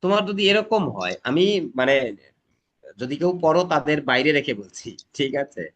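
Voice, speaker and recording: A man teaching a classroom lecture, demonstrating pronunciation with loud emphatic stresses and often asking students if they follow. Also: fairly high pitch, big pitch swings, normal speed.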